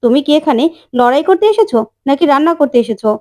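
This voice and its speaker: A woman's voice: sits high, animated, fast talker, darkish tone. A woman reading a haughty young sister-in-law who answers indignantly. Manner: indignant, snappish.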